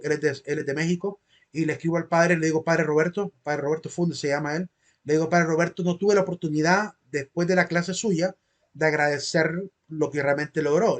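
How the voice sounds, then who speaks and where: Man, middle-aged, philosophy teacher, fairly high-pitched, reflective, earnest lecturing. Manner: earnest, reflective, frequent "¿verdad?" tags. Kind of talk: lecture with personal testimony.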